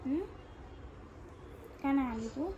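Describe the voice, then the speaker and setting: High-voiced woman gently scolding. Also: slow pace, highs cut off, a little hiss or hum. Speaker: mother. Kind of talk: casual family chat.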